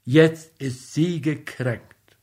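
A man's voice: on the high side, very slow, a little mellow. A man reading a grumpy, irritable husband. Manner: gruff, snapping. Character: irritable middle-aged husband, grumpy and curt.

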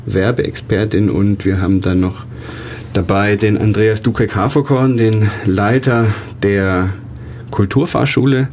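A man's voice: on the low side, darkish tone, a little hiss or hum. A man, an artist and exhibition organizer, giving rambling radio interview answers with many fillers.

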